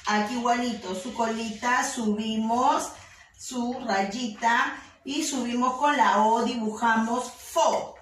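Slow, patient woman teacher in echoey room. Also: fairly high pitch, fairly bright tone, a little hiss or hum. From Peru. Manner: slow, patient, step-by-step instructions to children. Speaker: kindergarten teacher. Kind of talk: children's writing lesson. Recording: very echoey room, voice far from mic.

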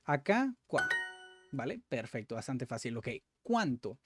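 A man's voice: medium pitch, big pitch swings, measured pace, music in the background. Man talking through exercises. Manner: thinking aloud, self-correcting, frequent "vale?" and "ok". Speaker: language-learning video host. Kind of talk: casual commentary while doing language exercises.

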